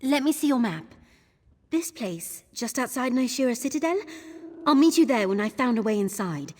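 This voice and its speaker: An actress playing a keen, earnest young thief and climber in a game cutscene. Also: female voice, on the high side, animated, normal speed, a little mellow, long reverb tail. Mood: eager. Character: eager young woman thief, nimble climber.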